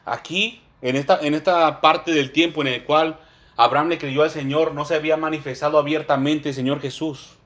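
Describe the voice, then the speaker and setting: A man preaching a sermon, reading scripture slowly and with emphasis and often calling his listeners brothers. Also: on the high side, steady tone, a bit bright.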